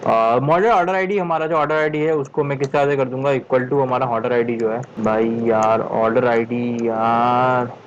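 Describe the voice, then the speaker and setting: Slow-talking man coding tutor, thinking aloud. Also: medium pitch, muffled recording, slight background noise. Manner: thinks aloud, frustrated muttering "yaar", frequent "theek hai"; speaks slowly on purpose. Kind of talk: screen-recorded coding tutorial.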